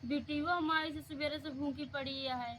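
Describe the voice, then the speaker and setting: A woman's voice: sits high, fairly even intonation, moderate pace, noisy background, close to an everyday voice. A woman playing an inquisitive, plain-spoken village mother-in-law in a comedy skit, with an Awadhi accent. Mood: questioning. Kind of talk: rustic comedy skit acting.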